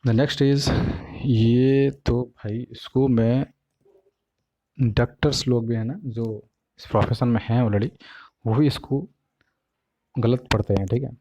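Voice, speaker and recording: Indian man teaching pronunciation, mellow voice. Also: mid-range voice, fairly even intonation, no room sound, dull audio. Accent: Indian English. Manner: mixes Hindi and English, keeps asking "ठीक है?"; spells and repeats words slowly by syllable. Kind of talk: casual classroom-style explanation.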